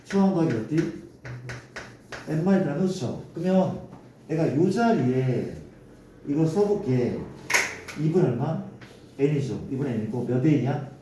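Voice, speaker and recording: A man's voice: a little high, animated, slow, long pauses. A male math teacher lecturing a class, coaxing students and constantly checking that they follow. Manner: coaxing, keeps asking students to confirm. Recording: echoey room, distant mic, faint noise.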